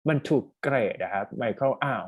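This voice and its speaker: A man's voice: medium pitch, quick pace, no room sound. A Thai man coaching a student for a speaking exam, chatty and mixing English terms into his talk over a call. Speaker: IELTS speaking tutor. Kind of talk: casual one-on-one coaching.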